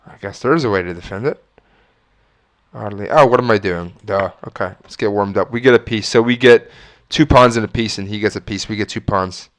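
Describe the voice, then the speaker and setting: Talking briskly in a lowish voice, a chess streamer with a blocked nose and a slight cough works through his moves out loud, musing and frequently correcting himself as the game goes on.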